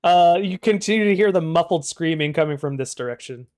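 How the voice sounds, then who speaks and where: A man's voice: fairly high pitch, darkish tone, smooth. Man casually narrating as game master. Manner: conversational, informal, pausing mid-sentence.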